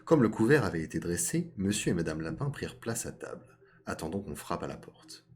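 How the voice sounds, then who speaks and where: A man's voice: sits low, big pitch swings, fairly quick, darkish tone. A man streaming a live reading of a folk tale, stopping now and then to comment on his character voices.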